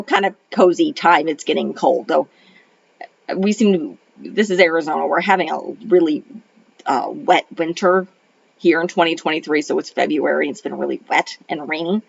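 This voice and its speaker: Low and gravelly with a breathy edge, her voice moves at normal speed but sounds a little off from a lingering cold. This middle-aged retired librarian and homeschool mom rambles her way through a casual film review at home in Arizona, restarting often and saying um a lot. The recording is dull lo-fi.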